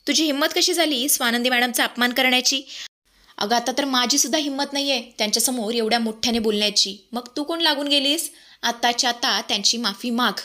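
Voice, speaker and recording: A woman's voice: on the high side, fairly quick, pushed and bright. A woman voicing an angry, commanding man who heads the household. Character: angry authoritative husband, head of house.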